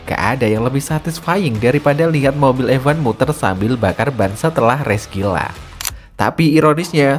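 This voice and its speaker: A man giving scripted, energetic narration in a casual, slangy way, building drama as he explains. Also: medium pitch.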